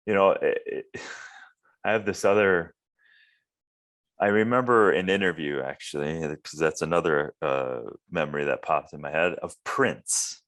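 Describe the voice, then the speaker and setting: A man's voice: deep voice, measured pace, fairly bright tone. A man from Minnesota hosting a casual interview podcast, rambling and repeating words as he searches for what to say. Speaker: podcast host.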